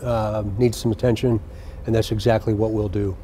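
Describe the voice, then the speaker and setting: A man, a senior police official, gives an earnest, deliberate address to recruits, repeating key phrases for emphasis. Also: lowish voice, level tone, warm tone, slight background noise.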